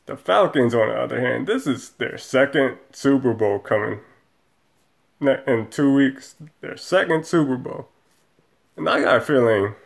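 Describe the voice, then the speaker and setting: A man's voice: mid-range voice, vocal fry. A man in his thirties giving a profane, rambling post-game rant as a football fan, filmed in a small room on a webcam. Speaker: sports fan vlogger.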